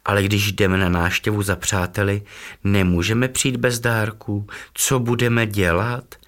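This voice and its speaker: A man's voice: lowish voice, flat delivery, a bit bright, close to an everyday voice. A man voicing a timid young female chick in a children's story, speaking anxiously and hesitantly.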